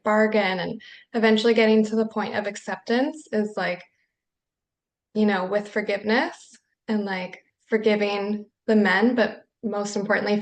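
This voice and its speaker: A woman reflectively sharing her personal journey in a group circle, often pausing with "um" and "like". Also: medium pitch. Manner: reflective, many fillers like "um" and "like". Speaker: participant sharing her story.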